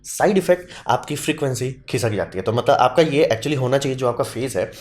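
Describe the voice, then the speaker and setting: A man's voice: mid-range voice, lively intonation, brisk, a little mellow. Chatty man explaining science. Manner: chatty, playful, uses homely comparisons and voices. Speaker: science educator. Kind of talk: casual explainer lesson.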